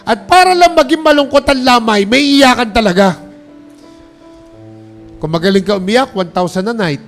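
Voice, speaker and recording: A man's voice: very high voice, moderate pace, a bit bright, soft background music. A pastor preaching a sermon, calling out to the congregation and mixing English phrases into his talk. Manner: preaching with call-and-response, urging applause.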